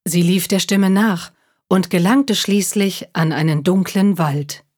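A woman reading a children's story aloud, calmly and clearly. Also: lowish voice, unhurried. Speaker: reader of children's stories. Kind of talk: slow storybook narration for children.

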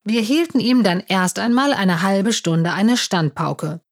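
A woman's voice: medium pitch, measured pace. A woman narrating a story in German as a storybook reader, lifting her voice for the quoted lines. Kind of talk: reading a school story aloud.

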